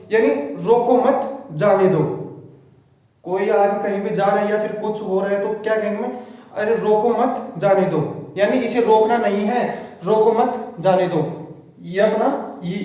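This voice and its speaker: A man teaching a shorthand lesson who asks his viewers questions and answers them himself, dictating example sentences slowly word by word. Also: sits high, dark tone, very echoey, distant mic, poor audio. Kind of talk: video lesson.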